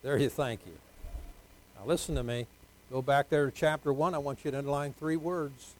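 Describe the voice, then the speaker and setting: An older man preaching a folksy sermon, joking with the congregation, dropping to quiet asides and rising to loud, drawn-out emphasis. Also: medium pitch, rough recording. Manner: jokes with the congregation, asks for amens.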